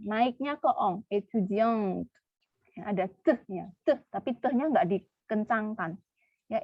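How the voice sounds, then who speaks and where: A woman's voice: medium pitch, breathy edge, no echo, lo-fi sound. A woman teaching a class, patiently repeating words and quizzing her students. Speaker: French teacher. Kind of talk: online class lesson.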